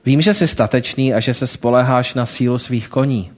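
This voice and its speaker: A man reading a calm wise old man. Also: medium pitch, natural voice. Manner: calm, gentle questioning.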